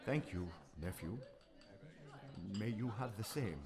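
An actor playing the old miser Scrooge in a radio play, exclaiming and wondering aloud. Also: male voice, lively intonation, takes it slowly, crowd noise. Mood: wistful. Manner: exclaiming, voice leaping high.

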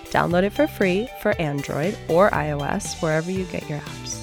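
A woman announcer giving a scripted radio station promo in a smooth, upbeat delivery. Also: fairly low pitch, normal speed, over music.

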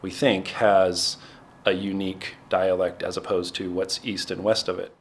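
A man with a low voice gives an informal expert explanation in an interview. There is faint noise around him. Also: little pitch movement, moderate pace.

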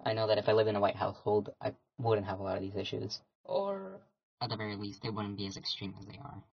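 A teenager in a recorded interview clip, speaking in short, halting phrases through a voice altered and pitched down for privacy. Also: vocal fry. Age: late teens. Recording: dull, lo-fi disguised audio.

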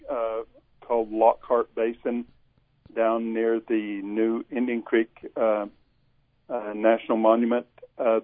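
Man over a crackly remote call line, medium pitch, narrow tinny sound, plain and steady. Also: no echo. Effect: heard over a remote call line that breaks up. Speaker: county commissioner. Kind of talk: remote interview guest.

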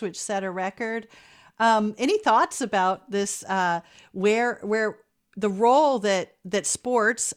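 Female call-in radio host, mid-pitched. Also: clean tone. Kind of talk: live radio hosting and interviewing.

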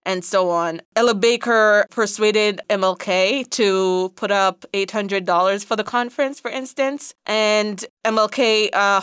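A woman's voice: mid-range voice, a bit bright, clean tone, no echo, clean studio sound. A woman with a Jamaican accent giving a conversational educational lecture, explaining things and checking in with the listener as she goes. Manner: explanatory, checks in with "right?" and "you know".

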